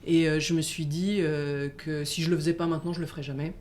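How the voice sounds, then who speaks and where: A middle-aged woman, born in Italy and raised in France, answering interview questions in a halting way with many fillers and restarts. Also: low voice, level tone, crowd noise. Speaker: guest. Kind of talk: casual interview.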